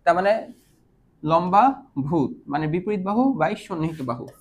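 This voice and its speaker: A woman whose voice is on the low side leads an online math lesson at a moderate pace, with a slight hiss or hum in the background. She is patient, repeatedly asks her students whether they understand, and mixes in English math terms.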